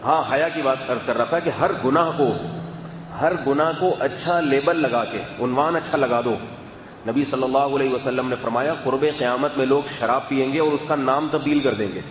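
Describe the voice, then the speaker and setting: A man giving a sermon in a calm, conversational, explanatory way, with asides to his listeners. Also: medium pitch. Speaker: religious scholar. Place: mosque or hall with loudspeaker system. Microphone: loudspeaker microphone. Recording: echoey hall, faint background noise.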